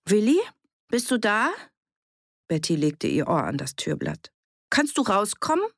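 A woman's voice: deep voice, big pitch swings, normal speed, vocal fry, darkish tone, breathy edge, no room sound, studio quality, heavily acted. A woman reader voicing a hopeful young girl who calls eagerly through a closed door. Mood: calling.

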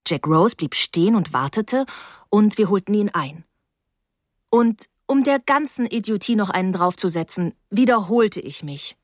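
A woman's voice: mid-range voice, lively intonation, measured pace, dry recording, clean studio sound. Woman reading a novel aloud. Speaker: audiobook reader. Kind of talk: literary reading on radio. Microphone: close studio mic.

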